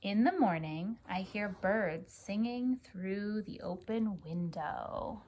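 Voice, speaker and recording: An American woman reading a picture book aloud for children and chatting gently, often prompting a young child with questions. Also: mid-range voice, slow pace, slight background noise. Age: adult. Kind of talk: children's story read-aloud with gentle chat.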